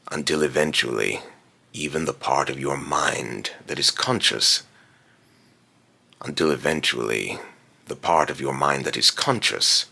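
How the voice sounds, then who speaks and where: A voice actor plays an ominous immortal being in a theatrical villain monologue. His very deep, sharp-toned voice has a gravelly, breathy rasp, and the heavily acted delivery is grave and condescending with solemn, grandiose phrasing.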